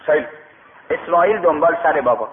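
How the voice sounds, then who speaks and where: A man preaching a sermon, retelling a religious story and acting out its dialogue. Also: fairly high pitch. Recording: echoey tinny radio broadcast.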